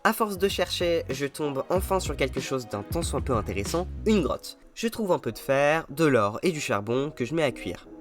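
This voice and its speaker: A man's voice: on the high side, big pitch swings, normal speed, hardly any pauses. A young man narrating his own gameplay in an upbeat, self-mocking voice-over. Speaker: gaming YouTuber. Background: game music.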